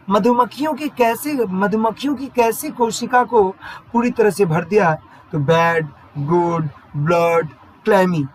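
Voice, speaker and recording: A male teacher explains poetry line by line, unhurried and repetitive, asking his own questions and then answering them. His voice sits fairly high. Faint noise runs underneath. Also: rough recording. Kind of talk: exam-prep lesson explaining English poetry.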